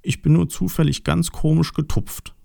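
A man's voice: mid-range voice, sing-song, moderate pace, creaky, mellow, no echo, clean studio sound, pitched above the performer's own voice. A man voicing a small, shy, colorful piglet in a storybook, with a timid, childlike and wistful manner. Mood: sad. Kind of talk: storybook voice acting.

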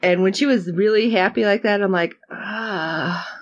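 A woman's voice: mid-range voice, fairly quick, lo-fi sound. A woman co-hosting a podcast, recapping a TV episode in casual chat and acting out her own reactions. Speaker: podcast co-host.

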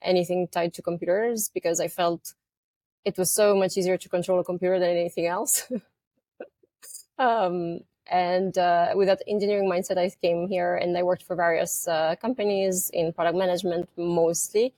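A woman's voice: on the low side, steady tone, moderate pace, warm tone, dry recording. A woman from Romania with a Romanian accent, a company co-founder speaking as an interview guest in a thoughtful, hesitant way, with many fillers and restarts. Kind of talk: conversational interview.

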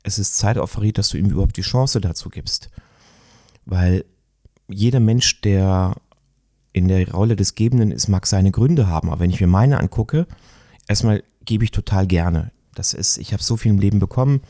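A middle-aged man speaks in a reflective, searching way, often pausing on fillers as he thinks aloud. His voice sits a little low and sounds mellow. The recording is dry and close. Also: no echo. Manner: thoughtful, searching, with many fillers. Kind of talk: reflective conversation.

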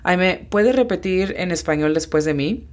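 Woman, deep voice, patient lesson host who breaks pronunciation down slowly. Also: expressive. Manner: patient, explains step by step, slows down to spell out sounds. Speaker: English teacher hosting a lesson podcast. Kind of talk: bilingual language lesson.

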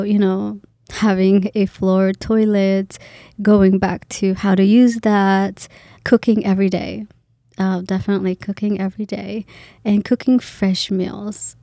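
A woman's voice: mid-range voice, mellow, no room sound, studio quality. A woman in her twenties from Kenya, a graduate student talking in a casual interview, hesitant with many fillers and restarts.

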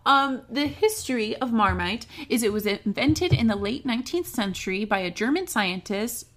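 A woman's voice: on the high side, animated, normal speed, fairly bright tone. A woman co-hosting a casual food podcast, chatty and joking, laughing often, and explaining food history from her notes. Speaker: podcast co-host. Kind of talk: casual chat.

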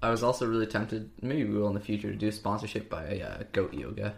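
A young man co-hosts a podcast in a casual, rambling chat, sometimes slipping into a fake-ad delivery. His voice is fairly low and gravelly, animated and quick, with a little hiss or hum in the recording.

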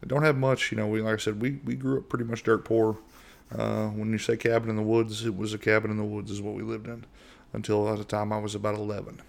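On his casual solo podcast, a middle-aged man from the United States rambles monotonously, stumbling over fillers and restarts. The voice is lowish and creaky, and he moves at a quick clip.

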